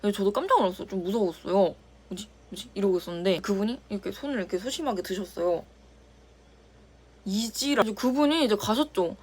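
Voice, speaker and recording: A young woman in her twenties chats rapidly while putting on makeup for the camera. She tells her story bluntly, with plenty of swearing. Her voice sits at an ordinary middle pitch, and she quickly mimics the people she is talking about. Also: expressive, a little mellow, slight background noise. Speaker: beauty vlogger. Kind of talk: casual storytime chat while doing makeup.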